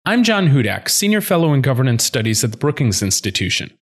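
A man's voice: medium pitch, very animated, quick pace, music in the background. Man hosting a scripted podcast. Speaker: podcast host.

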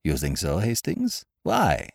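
A man's voice: low voice, wildly swooping pitch, slow, vocal fry, husky, no echo, studio quality, full character voice. Man voicing Poirot, a fussy detective. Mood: affronted, courteous. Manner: foreign phrasing, exclamatory, courteous. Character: Belgian male detective, fussy, courteous, theatrically indignant.

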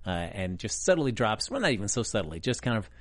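Low-voiced man casually recapping a show. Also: sing-song, brisk, dry recording, studio quality. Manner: rambling, frequent uh's and restarts. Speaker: podcast host recapping a TV episode. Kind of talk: casual recap with filler words.

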